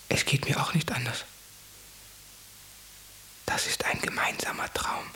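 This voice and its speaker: An actor in a radio drama speaking intimately and broodingly, often in a whisper, over music. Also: male voice, medium pitch, creaky, husky, heavily acted. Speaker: narrator and protagonist. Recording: music in background.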